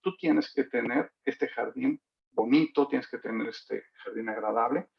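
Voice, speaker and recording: A man's voice: mid-range voice, measured pace, creaky. A man, giving a sales lecture and acting out a fable between a father and his son. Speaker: sales trainer. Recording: dull lo-fi recording.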